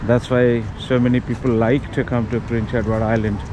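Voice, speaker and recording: With a medium-pitched, level voice at normal speed, a travel vlogger in his fifties narrates a walking tour outdoors on city streets, hesitating with many ums. He films on a handheld action camera at arm's length, and traffic and street noise fill the background.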